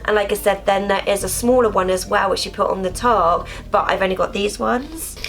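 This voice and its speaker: In a casual haul vlog, a woman chats about her collectibles, rambling and leaning on fillers like "obviously" and "actually." She's getting over a cough and coming down with a cold. Her voice is mid-range, brisk and a bit bright, and the recording quality is low.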